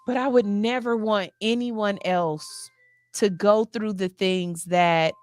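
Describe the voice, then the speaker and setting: Forty-something woman host, slow, earnest and emphatic, dry close sound. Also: medium pitch, steady tone, no room sound, soft background music. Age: 40s. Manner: earnest, emphatic, repeats phrases. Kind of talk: heartfelt talk-show monologue.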